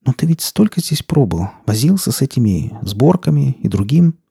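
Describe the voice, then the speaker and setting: A frightened young village woman, as a man reading the book puts her on, asks timid, pleading questions in a lifted voice. Gravelly and husky underneath, close and dry. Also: mid-range voice, sing-song, moderate pace, warm tone, dry recording, voice pushed up, exaggerated voice. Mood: timid, anxious. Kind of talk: audiobook character voice.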